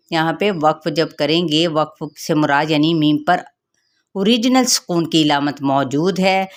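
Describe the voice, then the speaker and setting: A woman teaching Quran recitation rules, explaining each sound step by step in a patient instructional way. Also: deep voice. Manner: slow, drawn-out melodic recitation of verses. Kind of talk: tajweed lesson, recitation then explanation.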